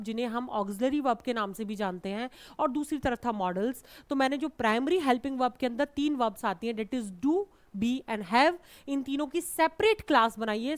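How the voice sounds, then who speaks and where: A woman's voice: on the high side, no echo. A woman with an Indian accent teaching English grammar in a classroom-style lesson, explaining patiently and often checking in with her students. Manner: repeats and checks with "theek hai".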